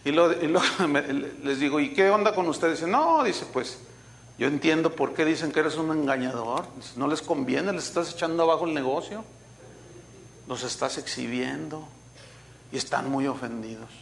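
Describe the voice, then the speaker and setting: A man's voice: fairly high pitch, moderate pace, vocal fry, slight background noise. A man with a Mexican accent preaching a sermon as a pastor, telling stories and acting out the voices of the people he quotes. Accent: Mexican Spanish. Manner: animated storytelling, acting out quoted voices, chuckling.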